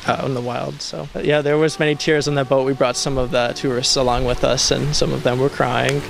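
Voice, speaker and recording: A young man from the central United States, a veterinary student chatting casually in an interview with lots of relaxed fillers. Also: medium pitch, fairly quick, creaky. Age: young adult. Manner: relaxed, informal, with fillers like 'like' and 'kind of'. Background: background music.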